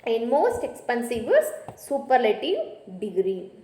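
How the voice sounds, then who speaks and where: A woman with an Indian English accent giving a grammar lecture, slow and repetitive, saying "okay" often. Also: a little high, huge pitch swings, mellow, roomy sound. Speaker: college English teacher.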